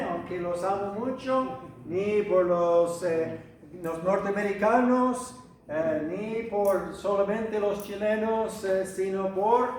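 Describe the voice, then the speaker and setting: Slow, high-voiced preacher in an echoey hall. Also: male voice, a little mellow, a little hiss or hum. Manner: teacherly, asks the audience questions, many hesitations. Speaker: missionary preacher. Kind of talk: church Bible teaching. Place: church hall. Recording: echoey hall, recorded from far off.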